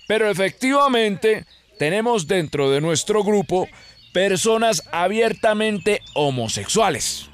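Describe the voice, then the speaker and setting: An actor playing a firm, reasonable army colonel, authoritative and didactic, in a public-service drama. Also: male voice, high-pitched, a bit bright, full character voice.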